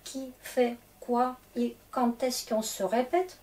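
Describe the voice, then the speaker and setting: A woman teacher explains grammar at an unhurried, easy pace, friendly and encouraging as she checks in with her listeners. Her voice sits a little high but sounds soft and mellow. She is recorded from a little way off the mic. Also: fairly even intonation, distant mic. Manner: chatty, encouraging, checks in with "d'accord?". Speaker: Russian teacher. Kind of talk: casual lesson explaining grammar.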